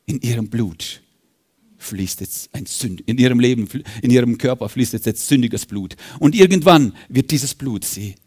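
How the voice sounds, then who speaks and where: A man voicing a mocking, scornful Satan who taunts Jesus in a low, hushed, sneering tone. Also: expressive, normal speed, husky.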